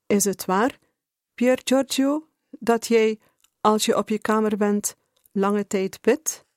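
A woman voicing an older male parish priest who asks calm questions. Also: medium pitch, slow pace, dry recording, studio quality, lightly acted. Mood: probing.

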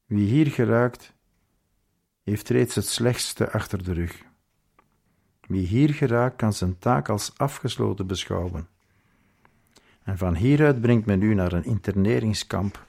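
A courteous, genteel lawyer, read by a man in an audiobook offers friendly reassurance. The voice stays low and gravelly, close to the reader's own. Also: a little mellow.

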